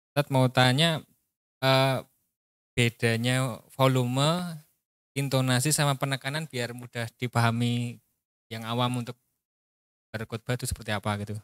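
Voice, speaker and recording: A man attending a workshop, asking the teacher a question softly and hesitantly. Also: mid-range voice, smooth, no room sound, studio quality.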